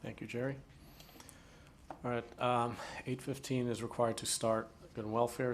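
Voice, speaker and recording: A man chairs a town commission meeting, giving procedural instructions plainly. His voice is low and gravelly with a flat, even delivery, and faint room noise sits behind him. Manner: procedural, flat and matter-of-fact.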